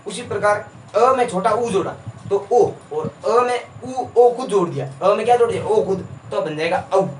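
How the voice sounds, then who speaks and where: A male teacher giving a classroom lecture, asking questions and answering them himself in a steady drill. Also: high voice, moderate pace, a little hiss or hum. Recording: echoey room, voice from a distance.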